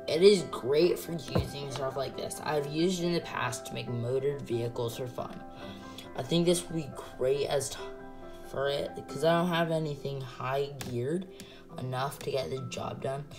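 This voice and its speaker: A woman chatting casually through a Lego build vlog, rambling and hesitant with lots of fillers. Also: very deep voice. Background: guitar music.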